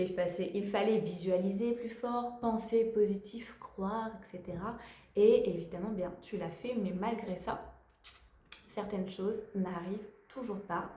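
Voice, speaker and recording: A woman speaks as a spiritual coach in a casual motivational talk, addressing the listener directly in a familiar, slangy way. Her voice sits at a middle pitch. The room gives it a noticeable echo. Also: a little mellow.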